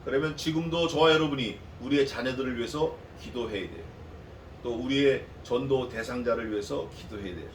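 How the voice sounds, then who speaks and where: A man's voice: medium pitch, fairly quick. A male pastor preaching an expository sermon in a church, asking his congregation rhetorical questions in a conversational way. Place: church sanctuary. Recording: echoey hall from a distance, faint noise.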